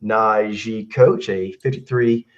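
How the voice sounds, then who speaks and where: A man hosting a casual online talk show over a video call, slightly hoarse from a cold, talking in a loose, rambling way with many fillers. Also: fairly low pitch, fairly even intonation, slow pace, lo-fi sound. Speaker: host.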